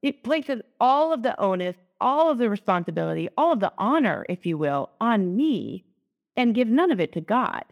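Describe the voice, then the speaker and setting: A woman's voice: fairly high pitch, very animated, moderate pace, gravelly, highs cut off. A woman co-hosting a lectionary podcast, talking in a chatty, teacherly way. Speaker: podcast co-host, Lutheran. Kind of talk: casual lectionary podcast chat.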